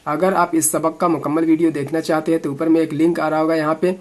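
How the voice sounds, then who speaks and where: A man's voice: fairly high pitch, little pitch movement. Patient male Quran recitation teacher. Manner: patient, explains letter by letter; slow drawn-out chanted recitation between explanations. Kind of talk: recitation lesson.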